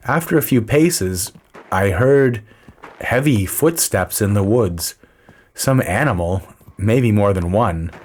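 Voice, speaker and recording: A man with a fairly low voice reads a first-person story. His delivery is dry, measured and low-key, in the even manner of scripted storytelling. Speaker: narrator.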